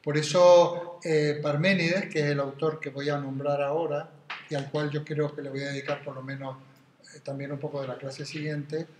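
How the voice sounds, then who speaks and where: Echoey man lecturing. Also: fairly high pitch. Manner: digressive, questioning, many tag questions. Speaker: philosophy teacher. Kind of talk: classroom lecture. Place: classroom. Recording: echoey room with faint noise.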